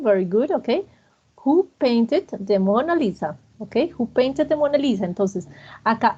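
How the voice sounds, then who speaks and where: Husky-voiced woman teacher, lo-fi recording. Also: fairly high pitch, a little mellow. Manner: patient, repeats student answers and praises them. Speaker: English teacher. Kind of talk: classroom grammar lesson.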